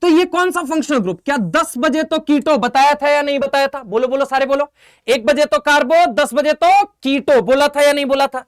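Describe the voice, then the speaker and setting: Man, high-pitched, chemistry teacher, call-and-response drilling, coaxing, dry close sound. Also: a little fast, dry recording. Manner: energetic call-and-response questioning; coaxing, calls students "beta" and "bhai". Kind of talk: online exam-prep lecture.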